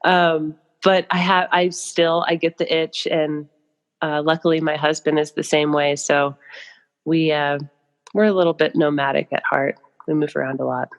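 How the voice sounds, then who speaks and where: Speaking in a large hall at a normal speed, this young American woman from the United States has a low-sitting voice with little pitch movement. She's a podcast guest, casually storytelling in rambling, informal phrases full of asides.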